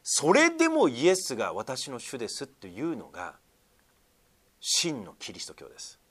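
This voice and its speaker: Animated Japanese pastor preaching. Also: male voice, moderate pace, husky. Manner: lively swings in pitch and loudness, many fillers, asks congregation. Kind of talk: sermon.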